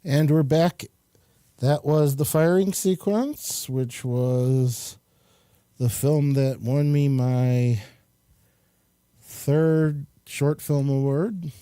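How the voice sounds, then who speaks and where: A man presenting his show casually, halting as he goes, with frequent pauses. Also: medium pitch, steady tone, dark tone, clean tone, no room sound, clean studio sound. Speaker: show host and filmmaker.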